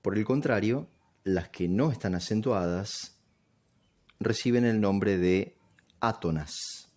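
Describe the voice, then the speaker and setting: A man teaches a grammar lesson. He explains patiently, one step at a time, pausing to ask if the listener is following. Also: fairly low pitch, darkish tone. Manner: patient, step-by-step, checks understanding with "¿sí?".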